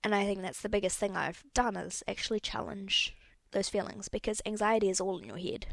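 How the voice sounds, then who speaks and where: Talking fairly quickly, this young woman has a medium-pitched, creaky voice captured with no room sound. As host of her own casual solo podcast, she's candid and slightly rambling, correcting herself along the way.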